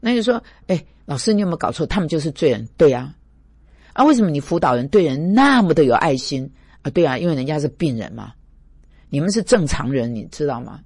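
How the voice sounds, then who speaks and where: A man's voice: on the high side, big pitch swings, fairly quick, creaky, a little mellow, husky, no room sound. Impassioned man, stammering plaintively. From Taiwan. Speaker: pastor. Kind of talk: emotional devotional talk.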